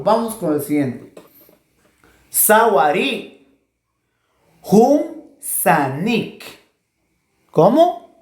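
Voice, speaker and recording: Man, very slow pronunciation drill, encouraging teacher, echoey room. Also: a little high. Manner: encouraging, repeats words slowly for learners to echo. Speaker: language teacher.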